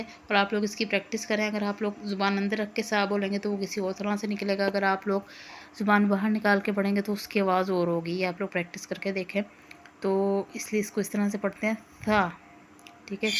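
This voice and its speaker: A woman teaches Arabic letters in an online lesson. She repeats each sound slowly and patiently in a flat, level voice. A faint hiss of noise sits behind her. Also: mid-range voice. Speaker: Quran teacher.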